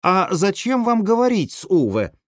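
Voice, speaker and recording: A man voicing a brisk, exasperated woman neighbor who fires off sharp questions. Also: mid-range voice, wildly swooping pitch, dry recording, clean studio sound.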